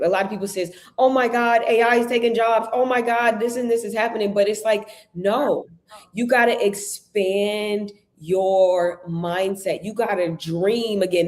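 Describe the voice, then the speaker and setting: Animated woman hosting a faith chat. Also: medium pitch. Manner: animated, storytelling with acted-out quotes. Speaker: podcast host. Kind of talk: casual faith-based business chat.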